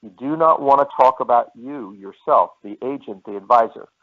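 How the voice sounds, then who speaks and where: A man runs a sales training session and talks it through in a steady lecturing way. He often repeats himself and slows down to spell out lists of words. His voice comes through a narrow, tinny line, as if heard over a phone call. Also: medium pitch. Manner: repetitive, lecturing, pauses to list words slowly. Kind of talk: training presentation.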